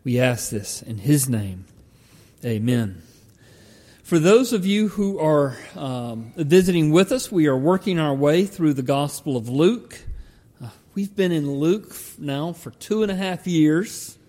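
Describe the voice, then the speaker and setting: A man preaches in a Georgia drawl, his voice mellow and slightly high for a man. He delivers his sermon deliberately, with halting pauses. The sound rings with the long reverb of a large hall. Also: animated. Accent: Southern US, Georgia drawl. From Georgia, United States. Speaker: pastor.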